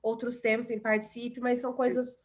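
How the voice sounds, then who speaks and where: Brazilian woman, English teacher, patient and repetitive, slightly high voice. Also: little pitch movement. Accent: Brazilian Portuguese. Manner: patient, repeats example words slowly. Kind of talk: online class explanation.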